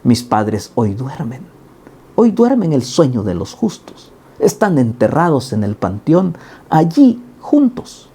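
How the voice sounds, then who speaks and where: A man's voice: medium pitch, very animated, a little slow, mellow, breathy edge. A middle-aged man preaching a daily Bible reading sermon, climbing to emphatic peaks when he quotes scripture. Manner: earnest, rising to emphatic peaks when quoting.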